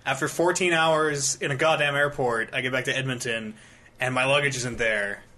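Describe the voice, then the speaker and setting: A man's voice: mid-range voice, steady tone, normal speed, bright, forceful tone. A man hosting a gaming podcast, telling a rambling travel story in casual chat, swearing freely. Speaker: podcast host.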